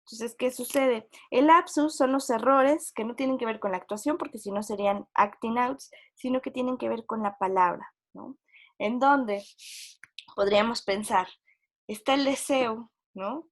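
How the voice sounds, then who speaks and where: A woman's voice: fairly high pitch, normal speed. A woman giving a university psychology lecture, explaining with frequent tag questions and acting out quoted inner voices.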